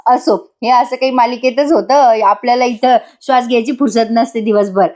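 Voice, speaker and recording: A woman's voice: a little high, fairly even intonation, normal speed, darkish tone. Chatty woman recapping a serial. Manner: chatty, addresses viewers directly. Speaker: TV serial review narrator. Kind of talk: chatty episode recap voice-over. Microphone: voice-over recording.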